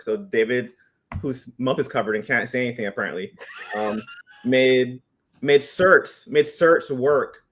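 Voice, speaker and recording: A man on a software team chatting loosely and joking on a live video call Q&A. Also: medium pitch. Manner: loose, joking, many restarts. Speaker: engineering team member. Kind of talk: casual live Q&A chat.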